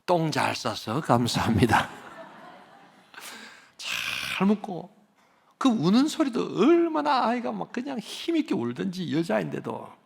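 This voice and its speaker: Older male pastor, high gravelly voice, tells stories animatedly in a sermon, hushes to a whisper for emphasis. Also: wildly swooping pitch, measured pace.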